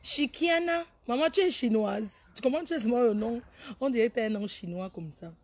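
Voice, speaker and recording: A woman hosts a casual live stream, reading viewers' names aloud. Her voice sits a little high, and her talk is lively and teasing. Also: a little fast. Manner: animated, teasing, laughs often, scolds viewers. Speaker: Facebook live host.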